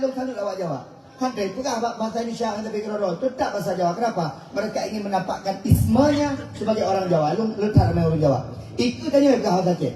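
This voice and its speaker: A high-pitched man with an Acehnese accent delivers a joking, chatty sermon to a crowd. He is picked up from a distance in a large, echoing hall. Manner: joking, chatty, teasing the audience. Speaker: preacher. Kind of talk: humorous Islamic sermon. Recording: echoey, distant mic.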